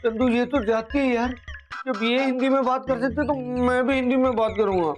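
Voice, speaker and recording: A man's voice: very high-pitched, fairly even intonation, moderate pace. An actor playing a naive, eager young husband who appeals to his mother in a whiny, childish way. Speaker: son and husband. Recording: sitcom audio with loud background music.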